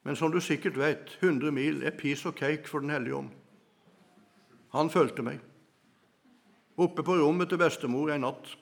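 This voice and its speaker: Man, high voice, gravelly, sermon testimony, dramatic, loud then hushed. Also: fairly even intonation, pauses often. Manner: dramatic storytelling, swings between loud and hushed. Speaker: preacher giving his testimony.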